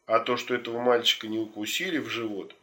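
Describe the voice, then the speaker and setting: Bright-voiced man telling a children's story. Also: medium pitch, fairly even intonation, quick pace. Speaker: audiobook narrator. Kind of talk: scripted narration of a children's story.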